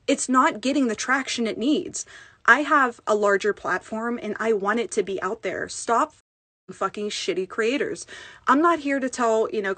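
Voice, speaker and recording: A woman's voice: on the high side, no echo. A woman ASMR creator ranting in an angry call-out, swearing heavily and stumbling over restarts, upset and shaken. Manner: heated, swearing, halting restarts.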